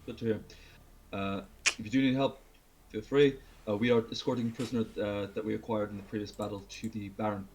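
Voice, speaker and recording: A man voicing a male commanding officer on comms, low, measured and businesslike. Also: steady tone, slight background noise, natural voice.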